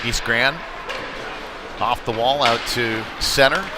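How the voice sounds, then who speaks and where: His mid-range voice stays steady and slow as he calls a youth ice hockey game live from the rink, folksy and partial to the home team. The audio is full of loud rink ambience, bangs and puck slams.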